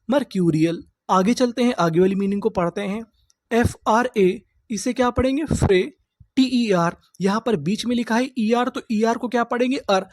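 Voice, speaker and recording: A man teaching English reading as a lesson, asking his own questions, answering them and slowly repeating each word. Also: high voice, darkish tone, dry recording, studio quality. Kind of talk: classroom-style spelling lesson.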